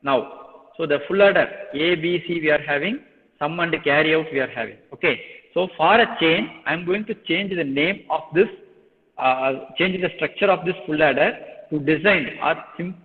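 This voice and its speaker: A male lecturer with a Tamil Indian accent, heard through a thin, phone-like connection with long hollow reverb. He is a native Tamil speaker who explains step by step, repeating himself and checking in with students. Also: on the high side. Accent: Tamil Nadu, Indian. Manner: repetitive, explanatory, switching between Tamil and English. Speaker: engineering lecturer teaching an online class. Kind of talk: live lecture with frequent check-in questions.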